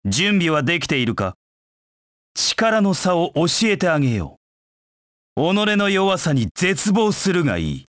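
A proud young male hedgehog warrior from a video game, cold and disdainful. He speaks slowly and curtly in battle lines, as an arrogant rival knight would. The sound is close and dry. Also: on the high side, big pitch swings, fairly bright tone, no room sound. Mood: haughty, confident.

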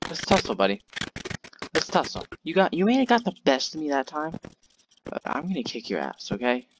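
A young man hosting a gaming channel, giving let's-play commentary in a jumpy, excitable way, yelping and trash-talking the monster. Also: mid-range voice, a little hiss or hum. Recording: loud game sounds with crickets behind.

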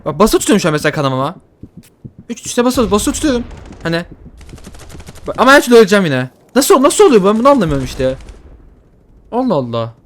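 A man giving casual, excitable commentary while playing a shooter game, joking and swearing at what happens. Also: high voice, fast, long pauses, a little hiss or hum. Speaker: gaming YouTuber. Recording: faint gunfire behind. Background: faint game gunfire and explosions.

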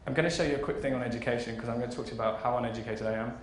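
On a large conference auditorium stage, a thirty-year-old man, a fashion marketing executive, gives an informal, enthusiastic keynote in a conversational way. His mid-range voice is steady and rapid-fire, with roomy hall echo and faint background noise.

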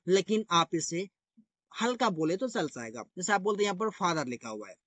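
Bright, high-voiced man teaching. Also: animated, a little fast, dry recording. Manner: repetitive, addresses viewers as guys. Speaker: English teacher. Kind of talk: explanatory grammar lesson.

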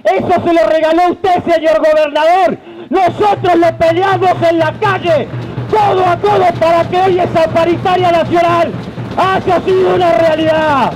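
At a rally, under a tent on an outdoor stage, a union leader in his forties with an Argentine Spanish accent gives an impassioned protest speech into a handheld mic, gesturing and shouting at times. His extremely high voice holds a steady tone and moderate pace, and music sounds behind him in a low-quality recording.

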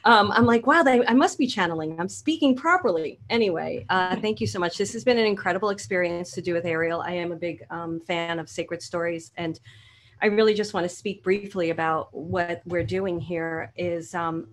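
A woman's voice: lowish voice, steady tone, moderate pace. A middle-aged woman with a Brooklyn accent, speaking candidly and informally as a guest on an online panel. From Brooklyn, New York. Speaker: guest author and spiritual coach. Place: home room with bookshelves, indoors. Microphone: video call, computer or webcam mic. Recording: noisy video call audio.

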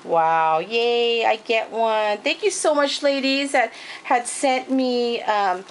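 A woman's voice: a little high, slow pace, a little hiss or hum, rough recording. A woman craft vlogger showing off gifts in a casual show-and-tell, gushing and thanking people over and over. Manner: gushing, repeats thanks and praise.

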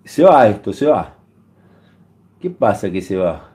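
A man's voice: fairly low pitch, sing-song, measured pace. A man hosting a heated live-stream call-in, badgering callers with repeated insults. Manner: insulting, repetitive, badgering shouts. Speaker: streamer taking calls.

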